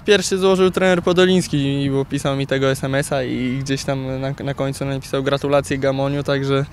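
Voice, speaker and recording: A young footballer in his twenties answering interview questions outdoors beside a pitch, halting with many repeated words. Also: level tone. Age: 20s. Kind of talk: post-training interview. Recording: faint outdoor noise.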